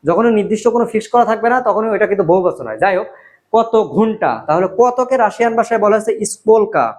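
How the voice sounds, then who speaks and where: A man teaches in a casual video lesson. He repeats each word slowly, poses a question and then answers it himself. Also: high-pitched. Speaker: language teacher.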